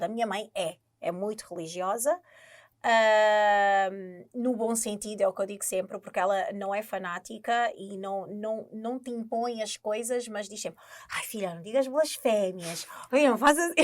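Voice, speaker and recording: A young woman with an Angolan Portuguese accent, co-hosting a casual chat and thinking aloud with many pauses and fillers. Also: medium pitch, darkish tone. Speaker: podcast co-host.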